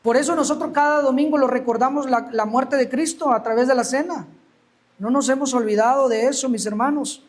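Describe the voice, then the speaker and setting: High voiced preacher, emphatic sermon, acts out the bible bits. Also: male voice, brisk.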